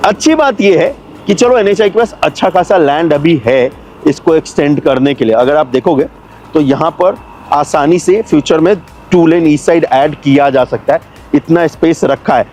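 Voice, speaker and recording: A man's voice: a little high, moderate pace, darkish tone, a little hiss or hum. A man giving casual commentary for his video channel as he drives a new expressway and stops at a building site, explaining things to viewers in a chatty way. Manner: chatty, explains to viewers, calls them brother and friends. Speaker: travel and real estate vlogger.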